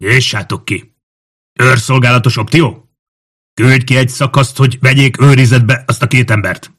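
A male audiobook narrator voicing a stern Roman officer who calls out formal orders loudly. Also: mid-range voice, fairly even intonation, slightly rough, pitched above the performer's own voice. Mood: commanding. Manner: loud, formal, commanding.

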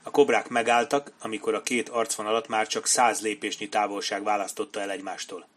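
A man reading a war novel aloud as an audiobook narrator, in steady, measured storytelling. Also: fairly low pitch.

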